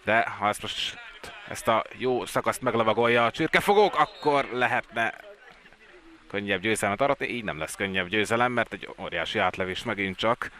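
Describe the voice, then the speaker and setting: Guy calling a water polo match, excited, lowish pitch, really bright punchy voice. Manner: excited, voice rising at key plays. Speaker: sports commentator.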